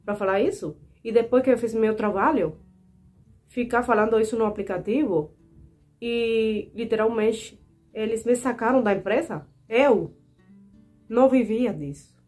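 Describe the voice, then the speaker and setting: A woman's voice: a little high, a little slow, soft background music. A Cuban woman in her twenties, speaking Portuguese as a second language with a Cuban Spanish accent, chatting casually to her viewers as she tells a story. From Cuba. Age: 20s. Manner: chatty, animated, frequent fillers and asides to viewers. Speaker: vlogger.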